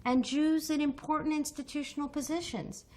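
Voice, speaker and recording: Her voice is high-pitched yet darkish, with a steady tone at normal speed. An American activist being interviewed, she responds with earnest passion, frequently restarting and repeating words as her argument takes shape.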